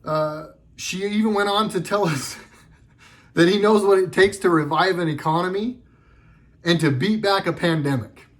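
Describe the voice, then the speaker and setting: A man's voice: sits high, moderate pace. A middle-aged man delivering a sarcastic, heated political commentary monologue with lots of emphasis.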